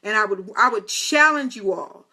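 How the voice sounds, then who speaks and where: A woman in her fifties hosts a casual live video talk, speaking directly to viewers in a chatty way and dropping playful, teasing asides. Her mid-range voice is animated, bright, and forceful, at a moderate pace.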